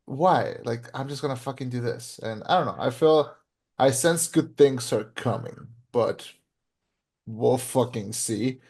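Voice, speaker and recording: A man's voice: medium pitch, measured pace, a little mellow, husky. A man in his late twenties co-hosting a casual movie review podcast, talking bluntly and swearing freely. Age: 20s. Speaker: podcast co-host.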